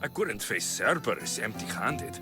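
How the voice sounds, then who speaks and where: A calm, wry male Greek warrior answers in dry, measured lines, as an actor plays him in a video game. His pitch moves in a lively way, with game music clearly behind. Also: natural voice.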